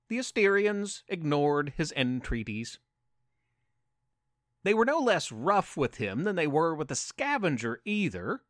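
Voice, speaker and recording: A male storyteller narrating a podcast tale with playful asides. His voice is on the high side and rises and falls with great life. The recording is close and dry, with no room around it. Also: no echo.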